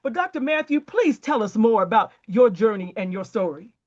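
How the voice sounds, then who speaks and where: A woman's voice: fairly high pitch, lively intonation, normal speed, dull audio. A woman hosting an education podcast, speaking with fervent, preacher-like emphasis and exclamations. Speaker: podcast host.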